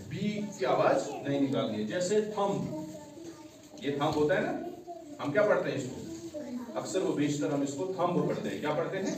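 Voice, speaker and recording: A man's voice: high voice, far from the mic. A male teacher giving a classroom English lesson, repeating key words and quizzing his class. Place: echoey classroom. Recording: echoey room recorded from afar, noisy.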